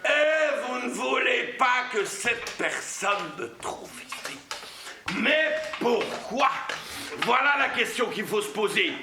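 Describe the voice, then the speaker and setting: A man's voice: very high-pitched, lively intonation, takes it slowly, full character voice. An actor on stage playing a long-winded male charity volunteer who stammers, repeats himself and lectures in slogans. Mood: insistent chatter. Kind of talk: stage comedy acting. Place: theatre stage. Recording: echoey theatre hall, background noise.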